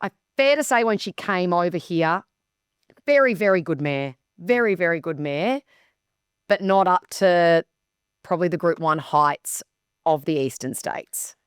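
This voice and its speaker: An Australian woman co-hosts a horse racing show, offering casual racing chat and commentary with emphatic enthusiasm. Her lowish voice has lively intonation and a slightly slow pace, smooth and studio-quality with no room sound.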